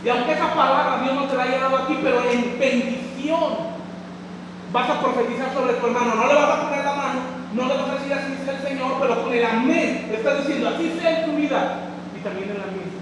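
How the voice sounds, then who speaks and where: A man's voice: very high-pitched, fairly even intonation, brisk, background noise. A male pastor preaching a rousing sermon, calling out to his congregation in a large church. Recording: echoey hall, far from mic. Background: congregation shouting amen.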